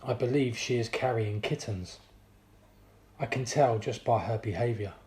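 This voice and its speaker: Man doing a soft-spoken lisping general. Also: mid-range voice, normal speed, lightly acted. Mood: gentle. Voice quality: soft voice with a lisp. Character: big gentle male general with soft lisping voice. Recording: roomy echo.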